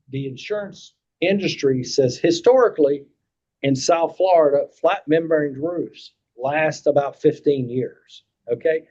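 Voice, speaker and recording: Man, Kentucky accent, slightly high dark voice, folksy explainer, repeats for emphasis, dull meeting recording. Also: breathy edge. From Kentucky, United States. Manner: folksy, repeats points for emphasis, checks with "okay?". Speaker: insurance agent presenting to committee.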